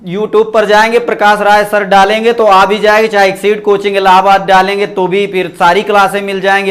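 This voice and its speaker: A high, fairly bright male voice belongs to a Sanskrit teacher running an online grammar class. He's repetitive, restating points and checking in with "ठीक ना" after them.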